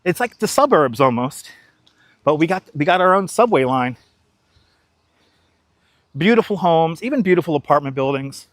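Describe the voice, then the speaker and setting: A young man from New York City hosts a livestream while walking outdoors on city streets, sharing strong opinions in a chatty way directly with viewers. His fairly high, fairly bright voice is expressive at a moderate pace, broken by long pauses. His wireless clip-on mic picks up no room sound.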